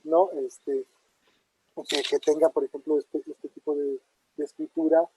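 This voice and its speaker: A man's voice: a little high, little pitch movement, a little slow, background noise. A man answering audience questions in a casual academic talk, thinking aloud with many fillers and tag questions. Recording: dull muffled online talk audio.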